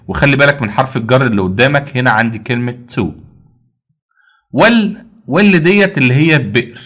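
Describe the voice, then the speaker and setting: A man's voice: mid-range voice, highs cut off. A man with an Egyptian Arabic accent teaching English vocabulary, repeating each word and answering his own questions. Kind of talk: vocabulary lesson.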